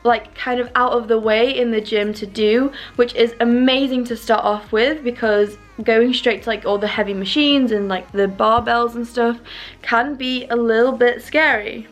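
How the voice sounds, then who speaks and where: A woman's voice: on the high side, steady tone, moderate pace, soft background music. A young woman talking casually and chattily like a fitness vlogger, rambling a little and repeating words for emphasis. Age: young adult. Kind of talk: casual chatty vlog and workout voiceover.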